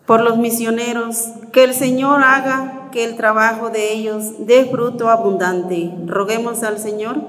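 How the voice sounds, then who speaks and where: A woman reading the prayers of the faithful at Mass in a slow, measured way. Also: fairly high pitch, fairly even intonation. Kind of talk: liturgical reading. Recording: echoey church hall.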